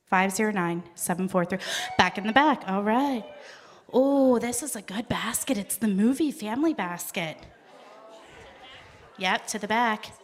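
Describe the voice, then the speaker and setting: Upbeat woman emceeing a raffle, reading numbers slowly and joking between draws. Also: medium pitch, a bit bright. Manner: playful, chatty asides between reading out ticket numbers. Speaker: raffle caller at a celebration event. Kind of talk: live raffle announcing.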